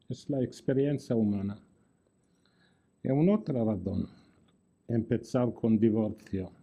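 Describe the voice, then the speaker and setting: Warm in tone and medium in pitch, an older man gives a formal guest lecture in careful, non-native Spanish colored by an Italian accent. He restarts words now and then and slips in wry asides and dry jokes.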